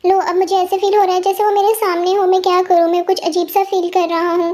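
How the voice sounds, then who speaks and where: A man's voice: very high voice, little pitch movement, quick pace, music in the background. A woman reading a storybook voices an angry, lovesick young man who mutters to himself. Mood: brooding.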